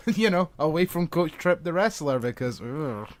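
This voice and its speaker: A man's voice: a little high, no echo. Laid-back man rambling. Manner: laid-back, trailing off with fillers. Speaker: podcast co-host. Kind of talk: casual chat.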